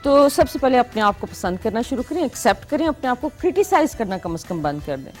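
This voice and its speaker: A woman's voice: on the high side, very animated, fairly quick, faint music behind. A middle-aged woman with a Pakistani Urdu accent, a studio guest, chatty and giving advice on self-acceptance.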